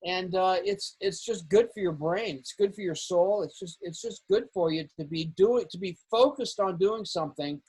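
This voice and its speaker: Man, club regular, husky voice, heard over a breaking-up video call, rambling chat. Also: high voice, normal speed, hardly any pauses, darkish tone. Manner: rambling, repeats words as he restarts. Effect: on a video call, audio breaking up. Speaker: astronomy club board member. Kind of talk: casual chat on a live club session.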